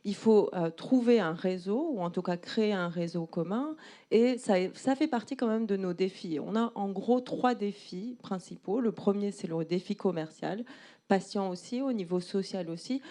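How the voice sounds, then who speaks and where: A woman's voice: mid-range voice, moderate pace, dark tone. A woman interpreting a presentation live, explaining and rephrasing as she goes.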